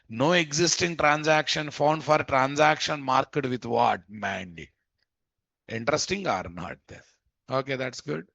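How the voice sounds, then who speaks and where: Gravelly Indian Telugu-accented man teaching. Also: on the high side, a bit bright, dry recording. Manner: asks rhetorical questions and answers them, repeats phrases for emphasis. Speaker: programming instructor. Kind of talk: informal live coding lesson. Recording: dull, muffled lo-fi close recording.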